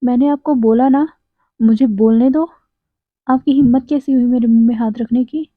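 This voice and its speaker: A woman puts on a wounded young husband who keeps pressing his silent partner with accusing, pleading questions. The voice sits high, and the sound is dry and thin, like a phone line. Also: fairly even intonation, normal speed, no echo, natural voice. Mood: reproachful. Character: hurt, reproachful young husband.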